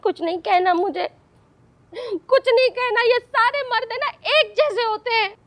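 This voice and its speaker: An actress playing a melodramatic, jealous middle-aged woman in a TV sitcom, talking in a shrill, theatrical, self-pitying way. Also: normal speed. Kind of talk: TV sitcom acting.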